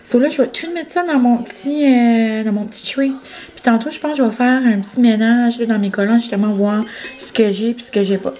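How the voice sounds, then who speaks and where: A woman with a Quebec French accent chatting casually at home for her vlog, excitable and dropping English words into her talk. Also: fairly high pitch, fairly quick, poor audio. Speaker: vlogger. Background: background music.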